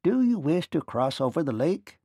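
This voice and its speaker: A man's voice: on the high side, big pitch swings, moderate pace, warm tone, husky, no echo, clean studio sound, full character voice. A man reading a children's storybook aloud and voicing a tiny, teasing male ferryman who turns out to be a giant. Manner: teasing, sly.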